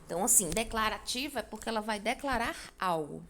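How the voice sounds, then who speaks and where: A woman's voice: mid-range voice, lively intonation, brisk, fairly bright tone, a little hiss or hum. Woman teaching a grammar lesson. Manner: explanatory, checks in with "tá certo?".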